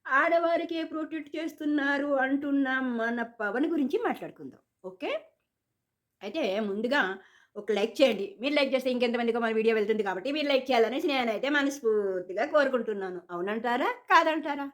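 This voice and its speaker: Fast-talking opinionated woman commentator. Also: sits high. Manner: chatty and opinionated, repeats words for emphasis, acts out quotes. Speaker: commentator on a reality show. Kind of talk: casual opinion monologue.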